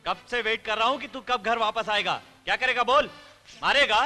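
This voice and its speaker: Brief: taunting action hero, high voice, film score behind. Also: male voice, a little fast, pushed and bright, heavily acted. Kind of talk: dramatic film dubbing. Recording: film soundtrack with music and long reverb.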